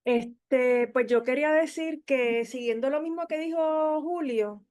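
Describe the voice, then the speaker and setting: A woman's voice: high voice, unhurried, a little mellow. A woman with a Puerto Rican Spanish accent, sharing her experience on a video call in a chatty way, repeating words and fillers. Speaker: study group participant.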